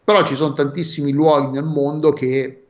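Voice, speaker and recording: A man's voice: a little high, little pitch movement. A man co-hosting a podcast, chatting casually and stopping to restart his sentences, heard over an online call line. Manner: halting, full of restarts. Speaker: podcast co-host. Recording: dull lo-fi call audio.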